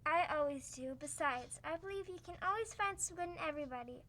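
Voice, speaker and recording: A young actress in a school radio play voicing a sardonic doctor who trades dry insults with the husband. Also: female voice, sits high, expressive, fast, bright, forceful tone, slight background noise. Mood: mocking. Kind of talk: old-time radio comedy acting.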